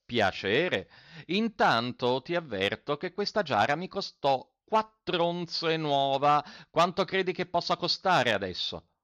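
A man voicing a hot-tempered, stingy landowner who shouts and exclaims indignantly. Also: on the high side, very animated, measured pace, no echo, voice pushed up.

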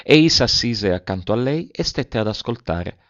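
A man narrating a literary story in a measured, even reading. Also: medium pitch, lo-fi sound. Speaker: audiobook reader.

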